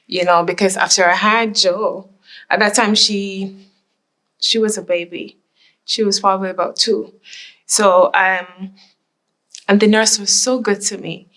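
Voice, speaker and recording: A woman from Jamaica tells her life story in an oral history interview. She speaks reflectively, in a mid-pitched voice, and often adds "you know". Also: fairly bright tone. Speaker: interviewee, nurse.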